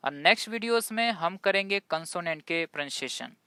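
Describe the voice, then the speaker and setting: A male teacher going slowly through a pronunciation lesson, spelling words out letter by letter and checking in with his listeners as he goes. His voice is bright and crisp. The recording is close and dry, with no room sound. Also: sits high, expressive, no echo. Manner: spells words letter by letter, then says them. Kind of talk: explanatory lesson.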